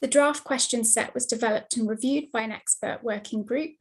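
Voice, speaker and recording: Woman on a video call reading through slides, kinda high voice, mic keeps dropping in and out. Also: fairly quick, slightly rough. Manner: steady, scripted delivery. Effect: video call audio, mic cutting in and out. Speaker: presenter. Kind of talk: webinar slide presentation. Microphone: computer mic on a video call.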